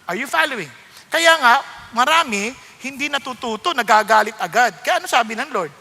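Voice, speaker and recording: Male pastor, high and very bright, big hall reverb; animated storyteller who drops into English scripture. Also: a little fast. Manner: animated storytelling, acting out voices of people in anecdotes; mixes English Bible quotes into Filipino preaching. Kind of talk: sermon.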